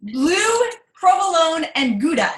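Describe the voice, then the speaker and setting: High, bright woman in an echoey room. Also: very animated, slow. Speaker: co-host and contestant. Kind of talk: casual chat.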